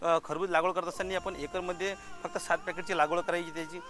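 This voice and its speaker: Quick, bright-voiced man giving farm advice. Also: high voice, level tone. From India. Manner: earnest, with frequent "uh" fillers and restarts. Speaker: crop advisor. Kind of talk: informal farming advice talk.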